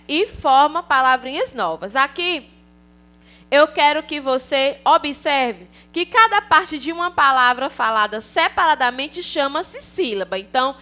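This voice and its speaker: A woman's voice: high voice, sharp tone. A Brazilian woman teaching a recorded online class to young children, cheerful and coaxing, often checking in with the kids. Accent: Brazilian Portuguese. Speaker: primary school teacher.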